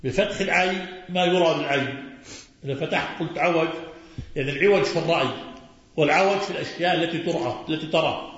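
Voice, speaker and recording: A man's voice: fairly high pitch, quick pace, a bit bright. A man teaching a religious lesson as an Islamic scholar. He answers questions, quizzes his listeners and repeats key words. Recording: very echoey, muffled recording.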